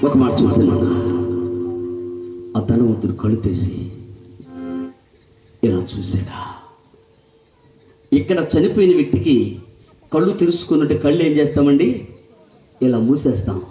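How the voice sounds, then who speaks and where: A male pastor preaching a fervent sermon, with shouted blessings and rhetorical questions, in an echoey hall with faint music behind. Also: medium pitch, lively intonation, normal speed, long pauses, distant mic.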